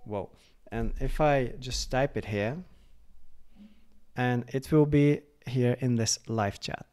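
A man casually walking through a software demo, chatty and full of fillers like "like" and "uh". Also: mid-range voice, takes it slowly. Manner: chatty, lots of fillers, reads chatbot replies aloud. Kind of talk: casual screen-recorded product walkthrough.

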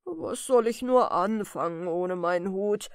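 A woman voicing a big, friendly, good-natured male giant in a bedtime audiobook, drawing out her words slowly and loudly. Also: no echo, clean studio sound, lightly acted. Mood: friendly, pleading. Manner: slow, drawn-out, booming delivery.

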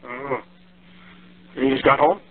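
A man's voice: mid-range voice, slow pace. A man calling home from jail on a prison phone, talking casually in short, terse questions. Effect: on a prison phone line. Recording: tinny monitored jail phone line.

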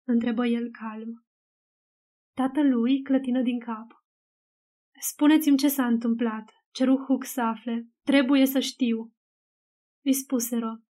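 A woman narrating a detective novel as an audiobook, in a measured, even reading voice. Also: a little high. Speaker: audiobook reader.

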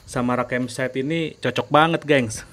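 A man narrating a casual camping vlog in a relaxed way, often addressing viewers as friends. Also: mid-range voice. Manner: slow, relaxed, calls viewers "gengs". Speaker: travel vlogger.

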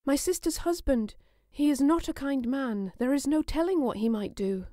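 A woman's voice: high voice, moderate pace, warm tone, no echo, studio quality, natural voice. A woman voicing an urgent young medieval noblewoman. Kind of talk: audiobook character reading.

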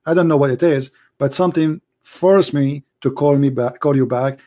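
A man's voice: mid-range voice, normal speed, warm tone. A man hosting a live call-in religious debate, preaching with passion in broken grammar while losing his voice. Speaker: call-in show host.

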